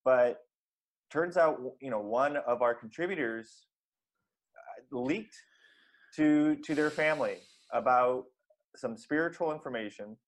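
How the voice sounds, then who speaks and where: A man's voice: mid-range voice, unhurried, pauses often. A man co-hosting a comedy podcast, talking in a rambling, mock-serious way with lots of fillers. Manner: rambling, earnest, many fillers. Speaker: podcast co-host.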